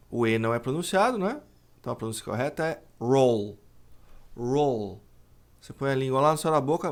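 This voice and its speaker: A man with a Brazilian accent teaches English pronunciation, slowing down and stretching words to model each sound. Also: on the high side. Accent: Brazilian Portuguese. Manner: explains slowly, drawing out words to model pronunciation. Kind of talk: pronunciation lesson.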